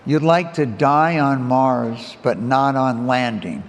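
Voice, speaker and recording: On a conference stage, a man with a mid-range voice moderates an interview, putting measured questions to his guest and passing along ones from the audience. The hall adds reverb and faint noise.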